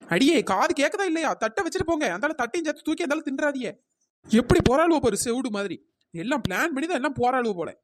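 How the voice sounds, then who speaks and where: A woman's voice: high-pitched, very animated, fast talker, noisy background. A woman voicing a fed-up young snack stall keeper in a cartoon, scolding and complaining. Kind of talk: cartoon voice acting.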